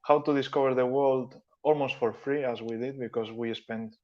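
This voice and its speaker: A man from Spain presenting to an online conference over a video call, in a mid-range voice. He speaks in a with halting, phrasing. The audio is dull and lo-fi. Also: medium pitch, fairly even intonation. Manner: halting, non-native phrasing. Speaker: guest speaker, biologist.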